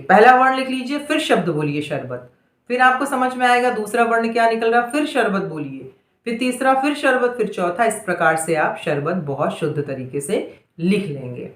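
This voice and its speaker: A woman's voice: on the high side, fairly bright tone, roomy sound. A woman teacher giving a dictation lesson, patiently sounding out each letter and repeating every word several times.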